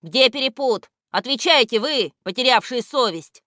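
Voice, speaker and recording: A woman voicing a strict, scolding male guardian of grammar in a storybook reading, speaking loudly and higher than her own voice. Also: lively intonation, normal speed, no room sound, clean studio sound. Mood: angry shouting. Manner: loud and scolding.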